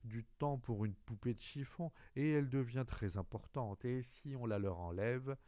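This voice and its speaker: A man reading an audiobook, voicing a gentle young boy prince who asks earnest, wondering questions. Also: medium pitch, normal speed, no echo, studio quality, close to an everyday voice.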